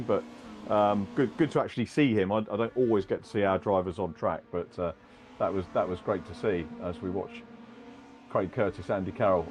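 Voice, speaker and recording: A man's voice: on the low side, darkish tone. A man giving conversational motorsport commentary and analysis in a rambling, hesitant, self-correcting way.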